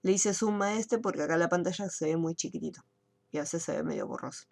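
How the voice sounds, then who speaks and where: Woman teaching software, gravelly voice. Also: fairly low pitch, quick pace. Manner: explains step by step, checks in with students. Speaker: computer course teacher. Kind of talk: screen-share software tutorial.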